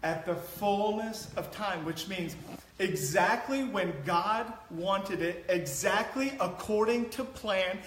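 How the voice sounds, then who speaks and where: A man with a high voice preaches in a loose, chatty way, asking the crowd questions and joking. His delivery climbs into fervent exhortation. The sound is echoey, with faint room noise behind him. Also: slow pace, fairly bright tone. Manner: conversational, rising to passionate exhortation. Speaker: pastor. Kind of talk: sermon. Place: church sanctuary. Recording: echoey church hall.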